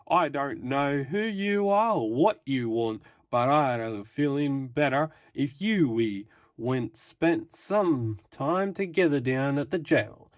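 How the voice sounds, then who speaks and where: A man's voice: mid-range voice, lively intonation, takes it slowly, hardly any pauses, dry recording, clean studio sound. A man voicing a bossy small-town male police officer who demands to know who he is facing. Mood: blustering. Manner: bossy, indignant.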